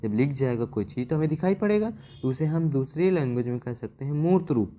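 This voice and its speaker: Animated and fairly quick, a warm-voiced man of medium pitch teaches Hindi grammar to a class. He keeps returning to key terms, elongates words for emphasis, and answers his own questions in a repetitive style.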